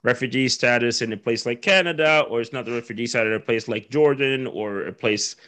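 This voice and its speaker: A man's voice: medium pitch, fairly quick, bright, forceful tone. A man hosting an interview, asking questions in a chatty, rambling way. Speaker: interview host. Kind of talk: casual interview chat.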